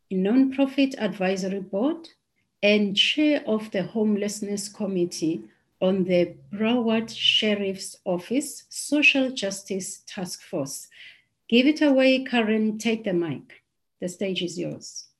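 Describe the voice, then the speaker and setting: A woman hosting a panel, giving a measured, formal introduction of the next speaker. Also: mid-range voice. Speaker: panel host.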